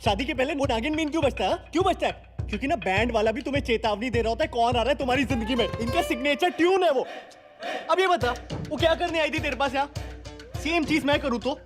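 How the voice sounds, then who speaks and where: A man's voice: very high-pitched, quick pace, over music. An actor as an exasperated young man ranting. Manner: ranting, sarcastic, venting to a friend. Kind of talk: film monologue.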